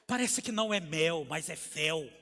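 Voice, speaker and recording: A Brazilian pastor preaching a sermon with emphatic swells and sudden drops in volume. His voice sits high for a man. The church sanctuary gives it a long, ringing reverb. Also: lively intonation, moderate pace, pushed and bright, faint music behind. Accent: Brazilian Portuguese.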